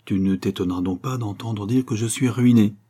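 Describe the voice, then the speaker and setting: A man's voice: fairly low pitch, a little fast, mellow, husky. A man playing a troubled middle-aged painter father, talking lightly and reassuringly over his strain.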